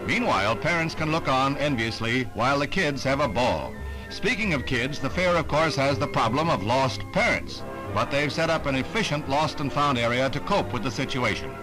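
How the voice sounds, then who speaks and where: A man narrating a 1960s newsreel as a brisk announcer, dropping light quips between facts. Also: mid-range voice, animated, poor audio. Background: music underneath.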